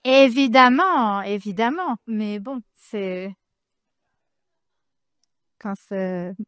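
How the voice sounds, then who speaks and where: A woman's voice: medium pitch, drawn-out words, fairly bright tone, clean tone, dry recording, clean studio sound. A woman moderating a panel, speaking off the cuff in a hesitant, thoughtful way. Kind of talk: unscripted panel discussion.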